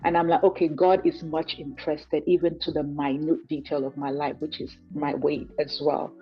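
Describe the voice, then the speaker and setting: A woman from Cameroon speaks in a notably low voice, earnest and reflective, often leaning on "you know" as she explains. The call audio is dull and lo-fi, with faint music underneath. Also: flat delivery, moderate pace, slightly rough. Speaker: guest giving a client testimonial. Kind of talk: conversational interview over a call.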